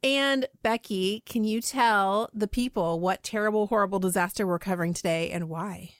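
A woman's voice: mid-range voice, a little fast, no room sound, clean studio sound. A middle-aged woman hosting a podcast, chatting casually and laughing with a friend. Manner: chatty, laughing, lively emphasis. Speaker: podcast host.

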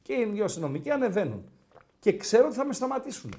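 A man co-hosting a sports talk show, telling anecdotes and acting out the dialogue in casual banter. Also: high-pitched. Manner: animated storyteller who acts out dialogue.

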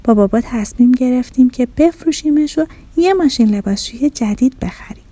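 A woman voicing a kind, patient mother who speaks gently to her son. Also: high-pitched, animated, dry recording. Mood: gentle. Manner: gentle, soothing.

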